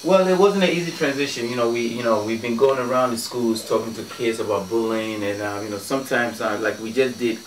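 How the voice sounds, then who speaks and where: A man's voice: medium pitch, a little fast, few pauses, roomy sound, recorded from a distance, a little hiss or hum, low-quality recording. Ghana-born man telling stories on radio. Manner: relaxed storytelling with many "you know" fillers and restarts. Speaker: guest, community organizer. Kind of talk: casual radio interview. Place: radio studio.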